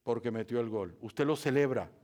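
Spanish-language preacher building to loud emphasis. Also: male voice, medium pitch, normal speed. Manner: preaching with rising, shouted emphasis and rhetorical questions; repeats phrases for emphasis. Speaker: pastor. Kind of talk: sermon. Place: church.

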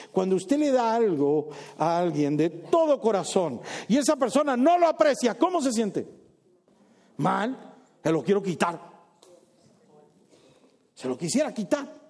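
A man preaching a sermon as pastor in a church, lively, asking the congregation questions and acting out little scenes. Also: sits high, moderate pace, pauses often.

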